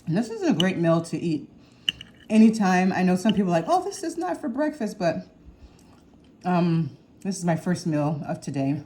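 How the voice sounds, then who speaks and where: A woman chats to her channel's viewers while she eats at home. Her voice sits low and mellow, and she rambles with small hums and laughs. Faint room noise stays in the background. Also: normal speed, pauses often. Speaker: cooking vlogger. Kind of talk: casual chat while eating. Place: home kitchen or dining room with window open.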